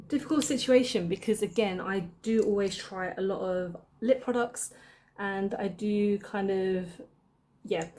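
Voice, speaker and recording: Woman, young, beauty vlogger, chatty, talks while doing makeup, medium pitch. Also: darkish tone. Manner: chatty, thinks aloud while applying makeup. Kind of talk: casual makeup tutorial chat.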